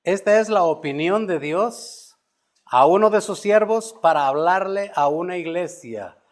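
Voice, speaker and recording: A man preaching a sermon, moving from quiet storytelling to loud emphatic peaks and calling listeners "brother". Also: high-pitched, measured pace. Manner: addresses listeners as "hermano". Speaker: pastor.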